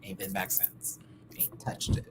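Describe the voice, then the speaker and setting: Over a noisy background, a man speaks a little slowly as he hosts a livestream. He's American and recounts personal stories chattily and frankly, peppered with slang and asides.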